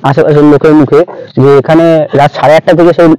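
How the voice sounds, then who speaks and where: A man's voice: on the high side, fairly even intonation, fast talker, warm tone, no echo, rough recording. A man chatting casually and spontaneously as he explores a spot for a ghost-hunting vlog. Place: outdoors at night in a dark field.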